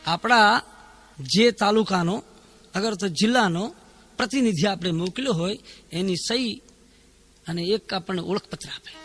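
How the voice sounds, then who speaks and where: A man's voice: sits high, fairly bright tone. A man telling a heroic folk tale in a dramatic, declamatory dayro style, stacking rhythmic lists. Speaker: folk storyteller. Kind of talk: dayro folk storytelling performance.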